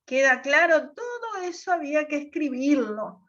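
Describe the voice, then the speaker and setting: A woman's voice: sits high, very animated, moderate pace, a bit bright. A woman teacher, patiently explaining over a video call and checking with "¿tá?". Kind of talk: online class explanation. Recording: dull lo-fi video call audio.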